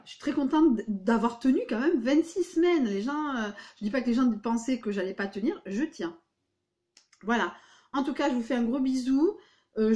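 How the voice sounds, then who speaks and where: Talking directly to her audience from indoors at home, a woman vlogger delivers an emphatic, wandering monologue in a southwestern French accent with a Béarnais tinge. Her voice is medium-pitched and a little mellow.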